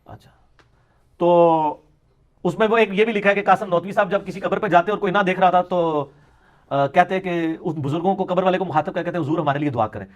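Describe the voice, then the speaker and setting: A man's voice: high-pitched, steady tone. A man giving a polemical religious lecture, mocking his opponents and dropping into quips. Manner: sarcastic, mocking, lapses into Punjabi quips. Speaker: religious speaker.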